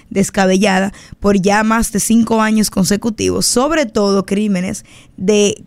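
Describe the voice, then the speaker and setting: A Dominican woman politician talks on a radio show in a lively, emphatic way. Her voice has a gravelly edge. The studio is dry and close. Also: mid-range voice, no room sound. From Dominican Republic. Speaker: politician guest. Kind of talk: casual radio talk-show commentary.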